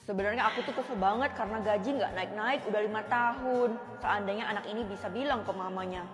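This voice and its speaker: A woman's voice: mid-range voice, quick pace, big-room sound, soft background music, voice pushed down, natural voice. A woman voicing a grumpy, underpaid male house guard who grumbles and sulks. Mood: grumbling. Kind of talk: scripted POV role-play.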